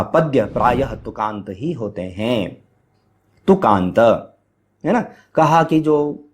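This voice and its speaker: A man's voice: medium pitch, darkish tone. A man giving a lecture, explaining step by step, asking rhetorical questions and answering them himself, with frequent filler sounds. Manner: chants Sanskrit verse at varying speed. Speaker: teacher. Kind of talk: Hindi grammar lecture.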